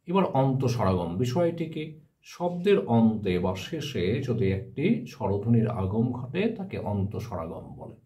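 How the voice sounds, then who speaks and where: A male teacher giving a step-by-step grammar lesson, often pausing to ask his students rhetorical questions. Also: medium pitch, mellow.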